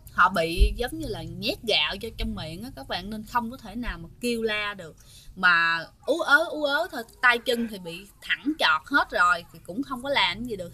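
A woman's voice: medium pitch, bright, forceful tone. A woman telling ghost stories in a chatty way, with many fillers, talking straight to her listeners. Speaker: ghost story host. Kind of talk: casual spoken storytelling.

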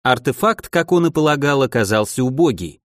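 A man narrating a fantasy audiobook in a measured, wry storytelling manner. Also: medium pitch, expressive, a bit bright, dry recording, clean studio sound.

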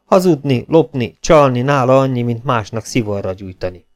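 A man's voice: medium pitch, animated, natural voice. A man reading an audiobook, voicing a brash, cheerful male legion captain who lectures his comrades bluntly. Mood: frank.

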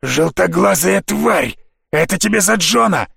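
Brief: narrator playing a hot-headed assassin for a storybook, gravelly and snarling, slightly raised pitch. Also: male voice, animated, measured pace, no echo, studio quality, exaggerated voice. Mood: enraged. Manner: shouting, rough and aggressive. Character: furious young male assassin, blunt and sarcastic.

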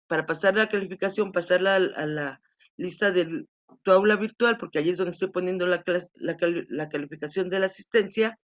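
A woman teacher patiently explaining class rules to students during an online class, repeating points to make them clear. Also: mid-range voice. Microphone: video call. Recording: dull lo-fi video call audio.

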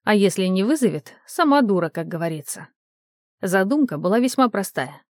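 A woman reading an audiobook with steady, measured narration at a middle pitch. The recording is dry and close, with no room around her voice. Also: no echo.

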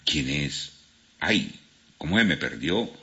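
A man's voice: a bass voice, lively intonation, takes it slowly, bright, forceful tone, breathy edge. A man with a Cali Colombian accent hosting a radio quiz in a playful, casual way, reading out listener answers and poking fun at himself. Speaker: radio host. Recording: dull lo-fi radio sound with faint music.

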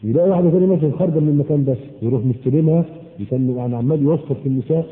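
A man preaching a sermon in Egyptian colloquial Arabic, switching between lively everyday talk and slow, drawn-out recitations. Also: on the high side. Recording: echoey hall, tinny phone-like sound.

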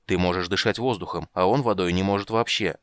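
A man voicing a weary, patient monster hunter who speaks calmly and dryly. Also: sits low, quick pace, no room sound, studio quality.

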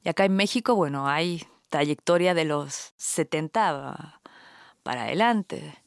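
A woman from Chile, a guest on an interview podcast, talking thoughtfully with frequent pauses and tag questions. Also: low-pitched, lively intonation, gravelly, no room sound, clean studio sound. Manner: thoughtful, pauses often and tags phrases with questions. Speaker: guest artist and researcher.

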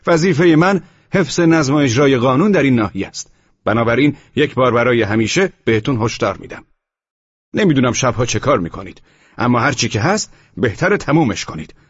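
A man reading an audiobook, voicing a brusque, suspicious police chief who shouts and hectors. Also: medium pitch, lively intonation, husky, no room sound, pitched above the performer's own voice. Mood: scolding. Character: loud, brusque middle-aged male police chief. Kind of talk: audiobook character voice. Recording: muffled lo-fi audio.

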